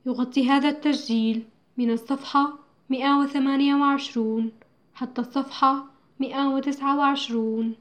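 A woman reading a religious studies textbook lesson aloud, measured and clear, with slow, careful recitation of verses. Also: high voice, fairly even intonation, fairly bright tone. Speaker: narrator of a school textbook audio.

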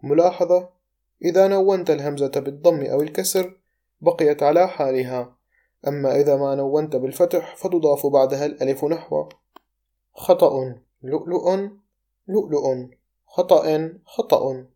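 A man reading out numbered spelling rules and word examples in a measured teaching voice. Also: a little high, warm tone.

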